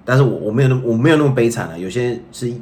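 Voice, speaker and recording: Man, Taiwanese Mandarin accent, podcast co-host, casual chat, playful, rapid speech. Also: medium pitch. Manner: animated, playful storytelling with bursts of bragging.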